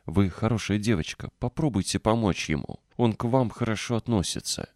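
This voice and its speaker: An anxious, coaxing nurse, as a man voices her in an audiobook. She is pitched above his own voice and sounds dry and close. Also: moderate pace, no room sound, close to an everyday voice. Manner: coaxing, then timid. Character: anxious adult woman nurse.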